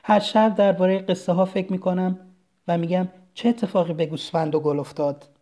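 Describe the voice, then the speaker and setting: A storyteller reading a children's story aloud in a calm, even first-person telling. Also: mid-range voice. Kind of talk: storybook narration.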